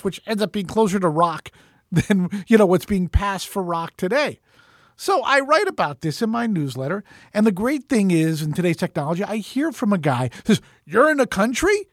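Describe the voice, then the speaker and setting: A man hosting a podcast, telling a rambling, animated story, swearing freely and acting out his own thoughts along the way. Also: high voice, no echo, studio quality. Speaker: podcast host. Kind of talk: casual storytelling monologue.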